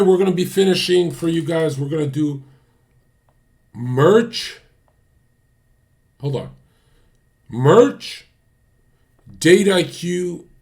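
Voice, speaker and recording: A man hosting a casual livestream, talking bluntly to his chat and swearing often. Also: fairly high pitch. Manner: blunt, swears a lot, talks straight to chat. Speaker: livestream host.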